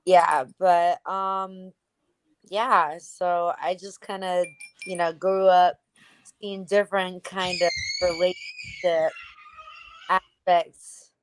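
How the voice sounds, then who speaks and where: Slow-talking woman from Ukraine. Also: on the low side, a little hiss or hum. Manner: relaxed, unhurried storytelling with fillers. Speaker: podcast guest. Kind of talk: casual interview chat.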